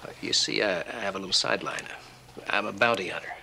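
An actor playing a wry, easygoing American stuntman in a TV action drama, talking haltingly and dryly joking. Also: deep voice, creaky, slight background noise, full character voice. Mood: uneasy, explaining. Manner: halting, wisecracking. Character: wry, easygoing stuntman who hunts bounties. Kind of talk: 1980s TV action drama dialogue. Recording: TV soundtrack with loud music.

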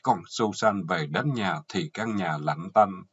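A man's voice: sits low, expressive, slow pace, husky. A man with a Southern Vietnamese accent narrating a short story in an earthy, colorful, mocking way. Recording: dull lo-fi audio.

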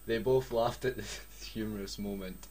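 A young Scottish man with a voice on the low side reads a badly written story aloud at a moderate pace and steady tone, with crowd noise behind him. He mocks it sarcastically, swearing a lot and breaking off to crack jokes.

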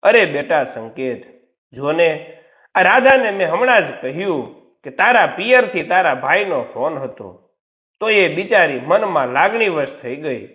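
A man's voice: a little high, big pitch swings, unhurried, full character voice. A man voicing a sly, scheming older mother-in-law who scolds her new daughter-in-law in a storybook tale. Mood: smoothing over. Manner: sugary toward her son, sharp toward the bride.

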